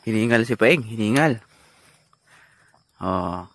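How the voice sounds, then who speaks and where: A farmer vlogs outdoors among the trees on his farm, chatting casually with viewers and calling out to his carabao. His voice sits on the low side with lively intonation, and he speaks slowly. The recording is dry, with insects and animals audible in the background.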